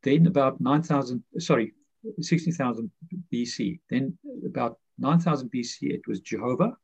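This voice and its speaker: Gravelly, husky man with muffled sound. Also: medium pitch, darkish tone. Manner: rambling, halting with fillers. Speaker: guest author. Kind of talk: conversational explanation. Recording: muffled lo-fi audio.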